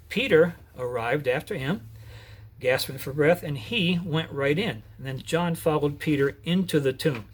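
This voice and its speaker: A man retelling a Bible story in an earnest, measured way, with short pauses. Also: fairly high pitch, breathy edge.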